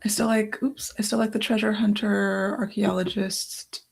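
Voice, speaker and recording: A woman author talks through her writing process, thinking aloud and pausing over her note cards. Her voice is gravelly and husky, worn thin as she is losing it. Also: mid-range voice, little pitch movement.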